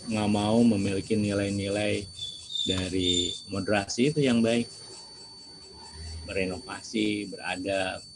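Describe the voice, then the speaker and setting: A man's voice: low voice, background noise. A man giving a lecture to students, asking rhetorical questions and answering them himself. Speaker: seminar speaker.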